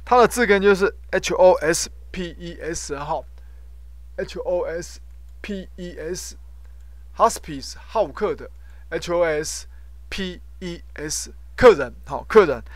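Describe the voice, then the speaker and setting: Male professor, higher voice, dry close sound, drills pronunciation by repetition. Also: slow pace, dry recording. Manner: drills pronunciation by loudly repeating words, frequent "ha" tag. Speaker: professor teaching English word roots. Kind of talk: classroom vocabulary lesson.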